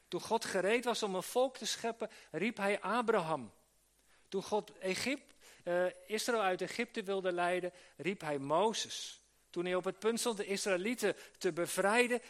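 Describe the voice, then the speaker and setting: A man with a high voice preaches earnestly to a gathered group. He restarts his phrases often and asks rhetorical questions as he goes. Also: fairly bright tone. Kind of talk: sermon to church workers. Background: live audience he addresses.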